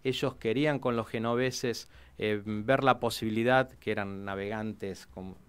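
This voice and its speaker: A man, a historian guest in a radio interview, telling history in an animated way with many restarts. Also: fairly low pitch, moderate pace, smooth.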